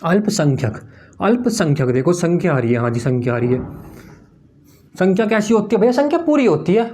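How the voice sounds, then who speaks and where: A man's voice: high-pitched, big pitch swings, brisk, dark tone. A man of teaching exam memory tricks, repeating each answer as a question-and-answer drill while writing on a board. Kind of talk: mnemonic tricks lesson.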